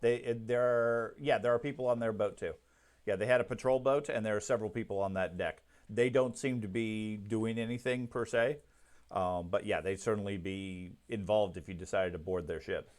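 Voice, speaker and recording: A man running a tabletop roleplaying game as game master, giving calm, matter-of-fact rulings. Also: lowish voice, normal speed.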